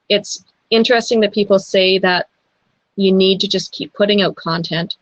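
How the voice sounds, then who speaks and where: A woman's voice: fairly low pitch, a bit bright, no echo. Woman giving earnest advice over a muffled call. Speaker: co-host. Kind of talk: casual online chat. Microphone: video call. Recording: dull lo-fi online call audio.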